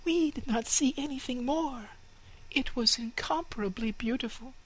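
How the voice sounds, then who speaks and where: A woman's voice: sits high, normal speed, slightly rough, pitched above the performer's own voice, rough recording. A woman voicing a flock of little sparrows in a storybook, eager and whispery. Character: chirping gossipy little sparrows.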